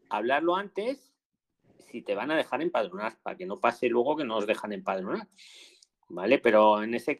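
Man, Spain Spanish accent, gravelly, live call-in host, chatty, repeats points for emphasis. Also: medium pitch. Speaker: asylum advice host.

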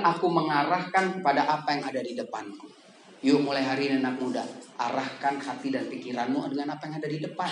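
A man preaching a lively, joking sermon to young people in a casual manner, with sudden loud bursts. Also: mid-range voice. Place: church hall. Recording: echoey hall with background noise.

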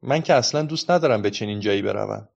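A man voicing a cheeky, quick-witted little girl who talks playfully, in a dull lo-fi recording. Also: lowish voice, animated, creaky.

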